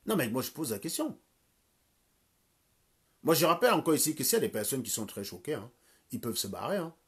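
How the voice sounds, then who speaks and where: A man's voice: medium pitch, very animated, fairly quick, slightly rough. A man in his thirties ranting scornfully and crudely during a live stream from home. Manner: insulting, crude, scornful rant. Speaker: livestream commentator.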